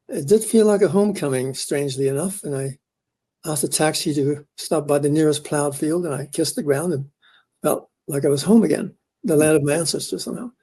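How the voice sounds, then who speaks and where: An older man from the Netherlands and New Zealand, a guest scholar recounting his personal story in an interview, reflective and pausing often. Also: fairly high pitch, warm tone, husky. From born in the Netherlands, raised in New Zealand. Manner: reflective, unhurried, with frequent pauses and fillers.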